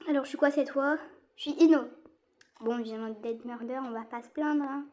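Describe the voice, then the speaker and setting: A young woman from France giving casual, excitable commentary while she plays a game online, repeating herself and using slang. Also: high-pitched, normal speed. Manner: slangy teen talk. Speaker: gaming streamer.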